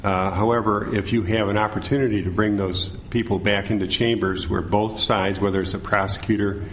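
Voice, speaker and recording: A middle-aged American man giving formal answers as a forum candidate, halting and stumbling over words. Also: lowish voice, little pitch movement. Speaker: judicial candidate, city attorney. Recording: faint background noise.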